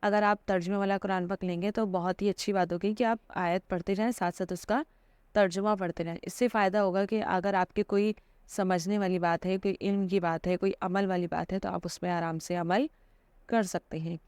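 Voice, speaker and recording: Her voice mid-range, steady, darkish, clear and resonant, a woman who teaches Islam leads an informal religious lesson. She explains things patiently, checking in often, using many fillers and saying "theek hai" again and again. There's no room echo in the dry recording.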